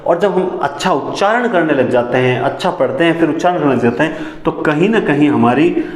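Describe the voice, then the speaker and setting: A man teaching a lesson, who repeats key phrases back as questions and sometimes talks fast enough that his words tangle. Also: fairly high pitch, expressive, roomy sound. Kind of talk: classroom lecture on teaching methods.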